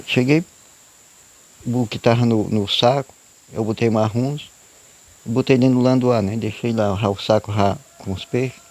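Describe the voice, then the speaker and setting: A man's voice: fairly low pitch, darkish tone. A man, telling a true story in a rambling, repetitive, folksy way, often adding "né?". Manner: rambling, repetitive folksy narration with frequent "né?" and "eu digo". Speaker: storyteller guest. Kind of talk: casual spoken storytelling of a true tale.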